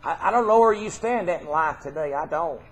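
A middle-aged man with a Southern US accent preaches an informal, folksy, earnest sermon from a church hall stage, repeating phrases for emphasis. His voice is fairly high and expressive at a moderate pace.

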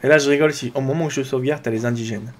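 A man with a French accent doing chatty, excitable let's play commentary, talking to his viewers and to his own character. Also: mid-range voice, very fast. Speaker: gaming YouTuber.

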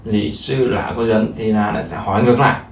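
A man's voice: fairly low pitch, steady tone, fairly quick. A man, teaching a language lesson and explaining each phrase over and over with many fillers. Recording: echoey room, mic at a distance, faint noise.

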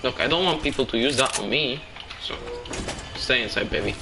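Excitable man streaming a game. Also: medium pitch, fairly quick, creaky, over music. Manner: excitable, talks to himself while playing. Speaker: gaming streamer. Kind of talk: live game commentary.

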